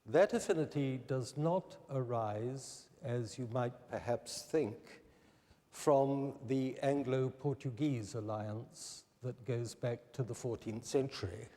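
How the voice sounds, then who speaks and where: In a large hall whose long reverb trails his words, a New Zealand man presents himself as a candidate through a formal, prepared address. He speaks at a slow, deliberate pace, his medium-pitched voice mellow and dark.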